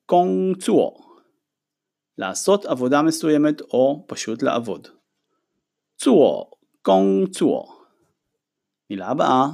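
A man teaches a recorded vocabulary lesson, his voice gravelly and full of fry. His pitch moves a lot as he says each new word slowly and then repeats it for the learner. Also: a little mellow. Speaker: language teacher.

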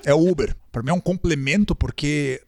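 A man playing a priest exorcist in an improvised comedy sketch, loud, playful and laughing often. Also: fairly high pitch, moderate pace.

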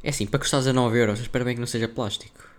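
A young man with a European Portuguese accent hosts a solo podcast, talking casually and very fast in a medium-pitched, steady voice. He rambles and uses slang as he thinks out loud.

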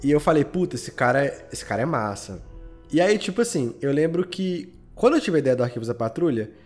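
A man from Belo Horizonte with a Minas Gerais Brazilian accent, an audio drama podcast creator, chats casually as a podcast guest and tells anecdotes in slangy speech. His voice is a little high and sing-song, a little fast, with a darkish tone. Background music plays.

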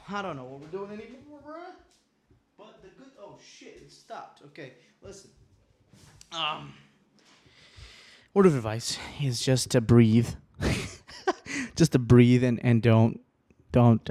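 A man's voice: medium pitch, darkish tone. Laughing, swearing young man rambling. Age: 20s. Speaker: podcast host. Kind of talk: casual podcast monologue.

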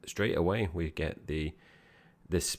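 Co-hosting a podcast, a man with a low voice talks slowly and casually about a film, speaking directly to his co-host.

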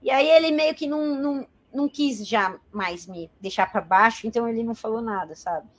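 Lively Paulista woman telling her story. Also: on the high side, a little fast. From Brazil. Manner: animated, colloquial, acts out quoted voices. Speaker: interview guest. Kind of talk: casual personal storytelling.

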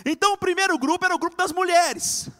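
A man preaching a fervent sermon, swinging between loud cries and hushed lines. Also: very high voice, fast, long reverb tail.

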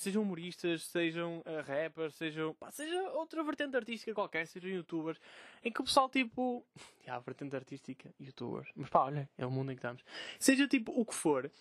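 A man's voice: sits high, a bit bright, no room sound, studio quality. A young man with a Portuguese accent ranting in a casual solo podcast from his bedroom, swearing freely and mocking the people he quotes. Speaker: podcast host.

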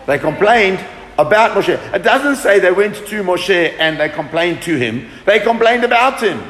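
A man's voice: high voice, animated, moderate pace, fairly bright tone, slight background noise. A man teaching a Torah class to a group, asking questions and answering them with emphasis. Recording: echoey room with long reverb.

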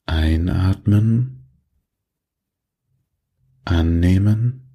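Male meditation guide for sleep content: deep, soft and breathy, extremely unhurried, gentle and soothing. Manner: soothing, gentle instructions with long pauses.

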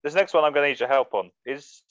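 A man's voice: on the high side, quick pace, a bit bright. A man hosting a casual music podcast, laughing often and swearing casually. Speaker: podcast host running a music list. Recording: dull muffled sound, dry.

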